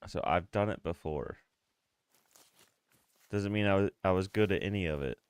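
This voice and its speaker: Here a sniffly, stuffed-up man of about thirty-five talks casually over his game stream, offering commentary as he plays. His voice is low, clear and resonant at a normal speed, captured by a close streaming mic without any echo.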